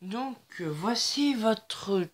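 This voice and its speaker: A woman's voice: mid-range voice, animated, very slow. A woman hosting a screen-recorded logic tutorial, hesitant, full of fillers and self-corrections. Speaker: tutorial host.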